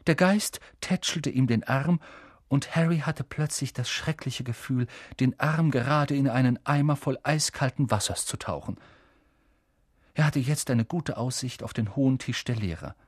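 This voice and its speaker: A man narrating an audiobook in an expressive, storytelling manner. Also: mid-range voice, moderate pace, breathy edge, no room sound, studio quality. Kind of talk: scripted narration.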